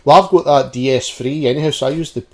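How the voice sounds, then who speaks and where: A man's voice: medium pitch, fairly even intonation, fast talker, a crowd in the background. Sweary Glaswegian man chatting casually. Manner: hesitant, blunt and sweary. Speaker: podcast co-host. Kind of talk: casual sweary chat about wrestling and gaming.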